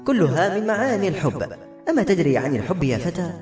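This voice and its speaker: A gentle, grieving talking mare from a spoken storybook, her voice lifted high and soft with tears as she pleads to be heard, as a male narrator puts her on. The delivery is quick, and a roomy echo hangs around every line. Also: sing-song, faint music behind. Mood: sorrowful.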